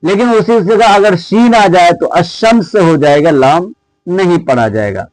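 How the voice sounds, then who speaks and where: Male teacher, unhurried, asks and answers his own questions, dry close sound. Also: sits high, lively intonation, a little mellow, no room sound, poor audio. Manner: slow and patient, poses questions and answers them himself; reads out lists of letter names one by one. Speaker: Urdu grammar teacher. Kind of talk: exam-prep lesson.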